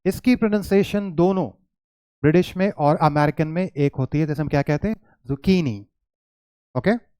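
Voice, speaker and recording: An English teacher with an Indian accent, explaining pronunciation to students, mixing Hindi with English and slowly repeating words. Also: male voice, a little high, dark tone, smooth, no room sound. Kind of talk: classroom lesson explanation.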